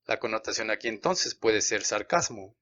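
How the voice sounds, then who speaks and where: A man's voice: fairly low pitch, animated, moderate pace, a bit bright. A man teaching English grammar, explaining each example step by step and modelling English sentences. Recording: slightly dull, lo-fi sound.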